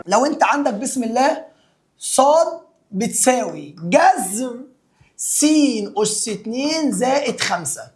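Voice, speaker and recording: A man with an Egyptian accent teaching a math lesson to secondary students. He is animated and teasing, speaks straight to the student, and makes sound effects as he draws. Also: extremely high pitch. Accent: Egyptian Arabic.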